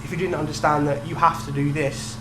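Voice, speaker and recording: A young co-host on a video game podcast speaks on the high side and fairly quickly, keeping things casual. The recording has a roomy echo and a steady background hum and noise.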